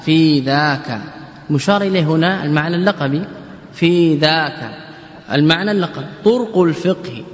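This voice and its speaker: A man teaching a class as an Islamic scholar. He asks his students questions, answers them himself, and repeats words as he explains. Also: fairly high pitch. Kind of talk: classroom lecture on jurisprudence and grammar. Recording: echoey hall recording.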